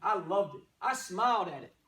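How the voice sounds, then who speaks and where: In a pregame speech, a coach pumps up his team with clipped, punchy lines and challenging rhetorical questions. He speaks at normal speed in a high, sharp voice with lively intonation. It was recorded from a distance, with plenty of room echo.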